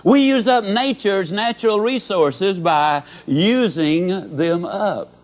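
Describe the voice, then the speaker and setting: An older man giving a motivational speech in a folksy, emphatic storytelling manner. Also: takes it slowly. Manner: folksy, emphatic storyteller with dramatic pitch swings. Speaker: motivational speaker.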